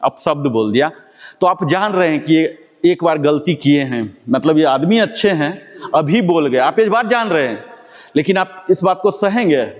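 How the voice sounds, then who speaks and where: A man's voice: on the high side, animated, moderate pace, dull audio. A man leading a yoga class. He gives step-by-step commands to the group and puts rhetorical questions to his students. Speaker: yoga instructor. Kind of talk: guided exercise class. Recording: long reverb.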